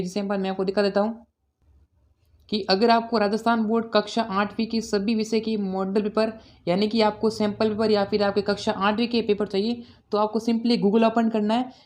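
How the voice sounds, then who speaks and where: A man's voice: sits high, darkish tone. Man as an online tutor walking through an exam paper, repetitive, asks himself questions and answers them. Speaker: teacher. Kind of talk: exam-prep video lesson.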